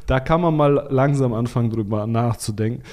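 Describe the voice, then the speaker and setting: Male podcast guest, mid-pitched, blunt and casual, lots of restarts and fillers. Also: fairly quick, dark tone. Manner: informal, blunt advice with frequent restarts and fillers. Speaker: podcast guest, Amazon seller consultant. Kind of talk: casual expert interview talk.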